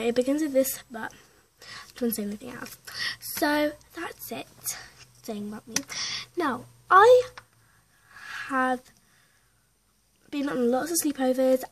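A young girl, around ten years old, chatting through a rambling, stop-start life-update vlog at home, with many fillers. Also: sits high. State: out of breath. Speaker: vlogger. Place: at home indoors.

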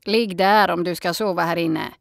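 A woman's voice: fairly low pitch, fairly even intonation, creaky, no room sound, studio quality. A woman voicing a grumpy, curt old man in a storybook reading. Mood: gruff.

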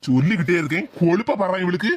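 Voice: medium pitch, animated, fast talker, heavy background noise, close to an everyday voice. A voice actor playing a hot-tempered village man with a Tirunelveli accent, scolding and threatening his niece in a cartoon. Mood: angry scolding. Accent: Tirunelveli Tamil.

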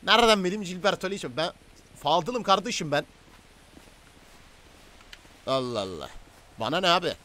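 Streaming an online roleplay game, a Turkish-accented man commentates and talks in-game to players in a bossy, slang-heavy, confrontational way. His high voice is bright, pushed, and animated, moving at a moderate pace with long pauses.

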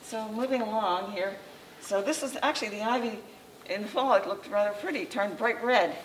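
A local historical society president, an older woman with a medium-pitched voice, gives an informal slideshow lecture to a small audience in an indoor library meeting room. Her delivery is conversational and halting, full of restarts. A distant camera mic captures her, masked, along with faint room noise.

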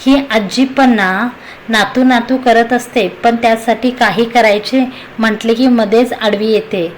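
A woman's voice: a little high, fairly even intonation, measured pace, slight background noise, close to an everyday voice, rough recording. A woman voicing a teasing, playful young husband in a read-aloud story. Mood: grumbling. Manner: grumbling under his breath.

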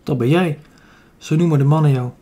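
A man's voice: fairly high pitch, brisk, mellow, natural voice. A man reading a grinning, teasing young warrior. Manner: teasing, dry.

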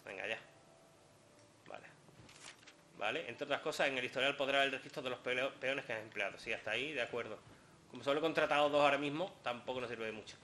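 A man gives gameplay commentary in a very bright, sharp voice at an ordinary pitch. He jokes, gets excited and swears casually. Faint ambient noise sits behind him. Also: fast, long pauses. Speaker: gaming host.

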